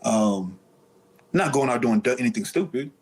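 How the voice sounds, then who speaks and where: A man's voice: mid-range voice, expressive, moderate pace, darkish tone, slightly rough. A man speaking candidly as an interview guest, telling stories casually in streetwise slang with some swearing.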